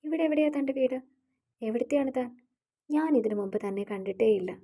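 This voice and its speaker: A woman's voice: on the high side, fairly quick, gravelly, dark tone, voice pushed up. A woman voicing a young college man in an audio story, asking light, coaxing questions. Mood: curious.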